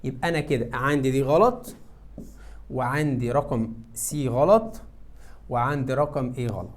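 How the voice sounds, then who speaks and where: A man with an Egyptian Arabic accent teaching English to high school students, who asks questions and answers them himself. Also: moderate pace. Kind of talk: classroom lesson explaining exam answers.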